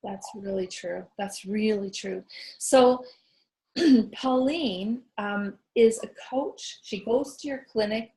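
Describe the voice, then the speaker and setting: Woman host, upbeat and affirming, middle pitch, online interview. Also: takes it slowly, darkish tone, poor audio. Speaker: host, life coach.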